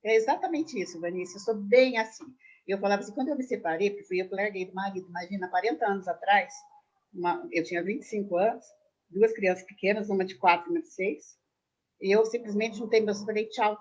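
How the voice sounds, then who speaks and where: A woman in her sixties, a numerologist guest, telling animated stories quickly and emphatically in a casual video-call chat. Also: medium pitch, dull audio. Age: 60s.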